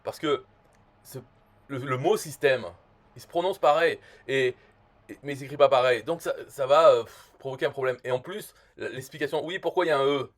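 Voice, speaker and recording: A man's voice: medium pitch, moderate pace. Rambling, blunt man ranting. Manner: blunt, crude, rambling with many restarts. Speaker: self-styled marketing expert host. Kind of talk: rambling comic rant to camera.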